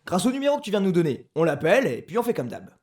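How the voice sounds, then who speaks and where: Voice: mid-range voice, huge pitch swings, very fast, darkish tone. An actor's theatrical cartoon villain boss, wildly swooping voice. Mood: scheming. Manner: theatrical, swinging from chatty to gloating. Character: excitable, boastful cartoon villain boss, cruel yet petty. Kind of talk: comic audio drama villain acting.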